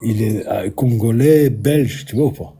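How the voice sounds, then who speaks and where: A man's voice: fairly low pitch, unhurried, mellow. A middle-aged man from Belgium calling into a live stream, speaking earnestly and a bit hesitantly. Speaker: caller. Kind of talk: casual conversation.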